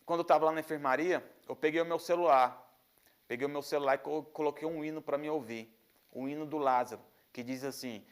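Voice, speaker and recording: Earnest Brazilian man giving testimony. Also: on the high side. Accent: Brazilian Portuguese. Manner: earnest storytelling, repeats phrases for emphasis; frequent restarts and stumbles. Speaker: testimony speaker. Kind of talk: religious personal testimony.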